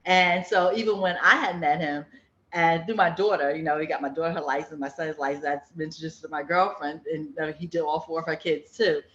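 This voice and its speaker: Low-pitched and steady, her slightly bright voice moves a little fast as this woman in her fifties chats casually. She narrates stories and acts out people's words, and the room sounds dull and echoey.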